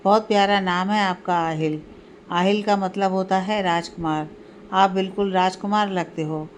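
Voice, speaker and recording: A fond middle-aged mother from a family storybook, affectionate with a wry, teasing edge, as a woman narrator puts her on. The pitch is ordinary, over a faint background hiss. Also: fairly even intonation, normal speed, lightly acted.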